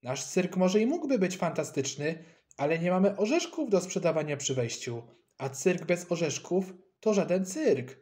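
A man's voice: sits high, big pitch swings, moderate pace, hardly any pauses, a little mellow. Male reader doing a hungry little boy, blunt and serious. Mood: matter-of-fact. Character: hungry, food-loving schoolboy.

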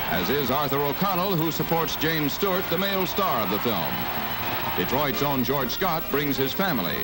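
A man narrating an old newsreel in a brisk, upbeat announcer manner. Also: fairly high pitch, poor audio. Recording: old newsreel soundtrack over music. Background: loud music.

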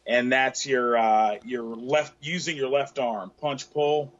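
A man's voice: mid-range voice, fairly even intonation, slow, a bit bright. Middle-aged guy on a video call from his tackle shop, explains stuff with tons of uhs, kinda muffled. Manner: explanatory, many fillers and restarts. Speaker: guest fishing expert. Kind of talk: casual video-call interview. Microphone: laptop webcam on a video call.

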